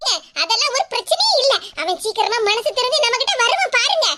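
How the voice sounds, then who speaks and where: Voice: extremely high pitch, big pitch swings, fast talker, pushed and bright, full character voice. A voice actor playing a worried middle-aged cartoon wife and mother in Kanyakumari Tamil, who coaxes and frets aloud. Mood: pleading. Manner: coaxing, repeats pleas, frets aloud to herself. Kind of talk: cartoon comedy voice acting.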